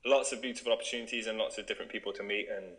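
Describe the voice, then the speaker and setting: A man's voice: fairly low pitch, steady tone, racing, fairly bright tone, poor audio. A young man from Wales, a yoga teacher chatting casually in an interview, upbeat and laughing often.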